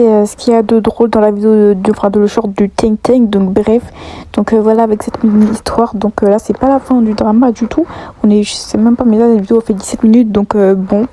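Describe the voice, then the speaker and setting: A woman's voice: a little high, mellow, poor audio. A woman telling a storytime vlog, hesitant and full of fillers, often dropping to a half-whisper. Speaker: YouTuber telling online drama.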